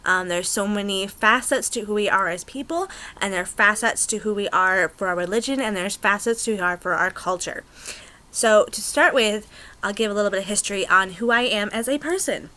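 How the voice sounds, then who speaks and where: A young American woman talks straight to her camera in a rambling, chatty way, full of ums and small bursts of excitement. Her voice is bright and clear, at a middling pitch. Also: fairly quick, low-quality recording. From United States. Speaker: pagan vlogger. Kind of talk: casual chat to camera.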